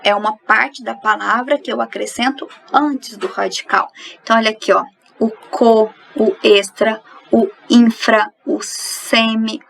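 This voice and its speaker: A woman's voice: fairly high pitch, steady tone, a little slow, gravelly, fairly bright tone, low-quality recording. A woman teaching a recorded grammar lesson, explaining each rule and then asking and answering her own questions.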